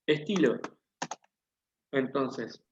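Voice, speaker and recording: Patient teacher in echoey room. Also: male voice, mid-range voice, lively intonation, drawn-out words, slight background noise. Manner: patient, explanatory, asks the class questions. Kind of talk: online class lesson. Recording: dull, echoey room audio.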